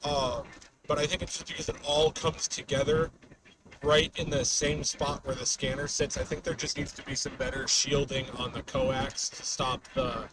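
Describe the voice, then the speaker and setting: A man livestreaming as a storm chaser from a moving car, chatting casually and off the cuff, often trailing off mid-thought. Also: medium pitch. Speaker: storm chaser live streamer. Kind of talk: casual unscripted livestream chat while driving. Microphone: webcam microphone in car. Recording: noisy car, distant webcam mic.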